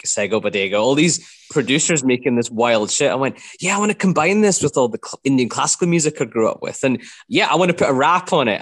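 A Scottish man in his thirties, a musician chatting enthusiastically on a podcast. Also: mid-range voice. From Scotland. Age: 30s. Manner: enthusiastic, animated storytelling. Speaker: musician guest. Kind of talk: casual podcast chat.

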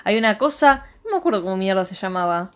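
A woman's voice: medium pitch, fast. A young woman with an Argentine accent, chatting casually as a co-host, recapping with lots of swearing. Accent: Argentine Spanish. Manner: animated recapping, swearing freely. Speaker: podcast co-host. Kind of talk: casual chat.

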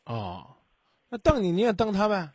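A man hosting a radio call-in show, calming a caller and speaking bluntly. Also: sits high, moderate pace, husky, dry recording. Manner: calm, blunt, soothing. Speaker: radio host.

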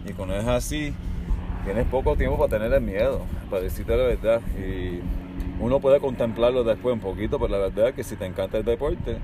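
A man raised in the United States, a skydiving guest in a casual interview, talking in a calm, matter-of-fact way and mixing in English words. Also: mid-range voice, fairly quick. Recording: noisy outdoor street recording.

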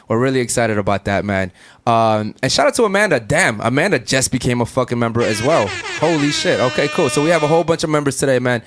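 A man's voice: mid-range voice, expressive, fairly bright tone, a little hiss or hum. Brash profane man hosting a podcast. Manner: brash, profane, rapid-fire. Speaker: podcast host. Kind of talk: casual podcast chat. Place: Miami studio.

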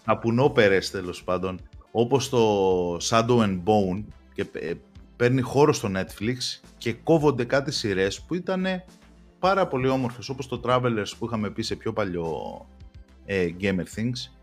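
A young man chats casually as a podcast co-host, wandering through his points with many restarts. His voice sits on the low side, and faint music plays behind him. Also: animated. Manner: rambling, many restarts and fillers. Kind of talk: casual chat about TV series.

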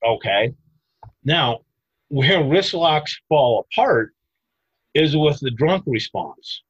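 A man explaining self-defense techniques in a podcast interview, animated and emphatic, breaking into loud mock outbursts. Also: mid-range voice, takes it slowly, slightly rough, no echo, muffled recording.

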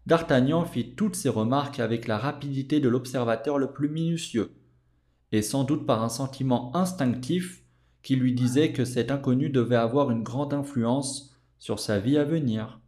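Man, podcast host, audiobook reading, measured expressive storytelling, mellow warm voice. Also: medium pitch.

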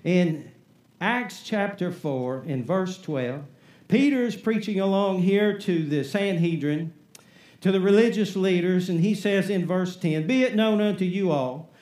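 Man, pastor preaching, high voice, emphatic call-and-response, echoey church. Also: measured pace, darkish tone. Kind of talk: sermon.

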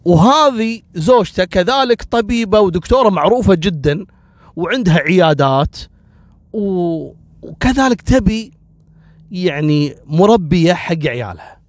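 A man's voice: sits high, animated, a little slow, no room sound. A man telling a family story casually, with emotional asides.

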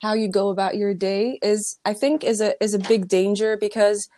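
A young woman from the Middle East or North Africa, chatting in a relaxed, reflective way with frequent ums and likes. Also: mid-range voice, normal speed. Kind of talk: casual chat.

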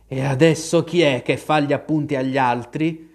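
A man voicing an eccentric, bossy male hatter in a storybook reading, with quick, pert retorts. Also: fairly high pitch, sing-song, darkish tone, voice pushed up.

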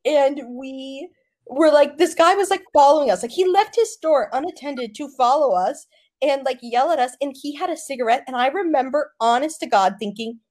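A woman's voice: high-pitched, a little mellow. A young woman co-hosting a podcast, telling a travel story in casual chat and laughing often. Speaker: podcast co-host.

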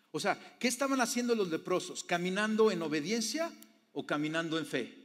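A male pastor preaches in a high-pitched voice, his words trailing in the long reverb of a church hall. He drops to soft low phrases, then rises to loud emphatic ones, and keeps putting questions to his congregation. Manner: asks the audience frequent rhetorical questions. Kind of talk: sermon.

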